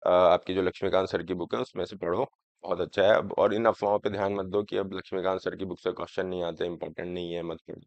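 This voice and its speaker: Lecturing on current affairs in a blend of Hindi and English, a man in his thirties leads an exam prep class from a studio classroom, in front of a screen. A cold has left his lowish voice hoarse, and he moves slowly, frequently checking that it's clear to students. The sound is dry and a bit dull.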